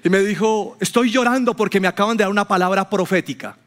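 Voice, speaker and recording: Preaching to a church congregation, a pastor talks fast in a high, somewhat bright voice. He weaves stories and performs the quotes of the people in them, his pitch climbing as he does.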